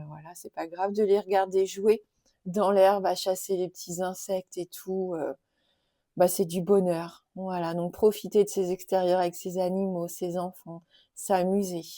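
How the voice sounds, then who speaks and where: A woman chats warmly through her favourite oracle cards, her voice mellow and dark-toned. She talks gently and enthusiastically, padding her sentences with small fillers. The sound is dry and close, with no room echo. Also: mid-range voice. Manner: chatty, many fillers and "hein". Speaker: tarot and oracle card youtuber. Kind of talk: casual card-showing tag video.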